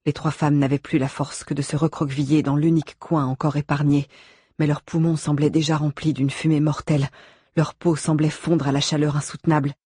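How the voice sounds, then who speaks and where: Audiobook narrator, suspenseful measured delivery, husky texture, dry booth sound. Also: medium pitch, little pitch movement, dark tone, no room sound.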